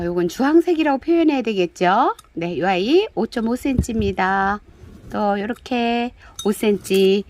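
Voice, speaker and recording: A woman chatting warmly as she shows off handmade flowerpots, gushing over each one and reading out their sizes in a dim indoor room. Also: medium pitch, slight background noise. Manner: gushing, chatty, calls pots "kids". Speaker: pottery shop seller. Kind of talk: product showcase video.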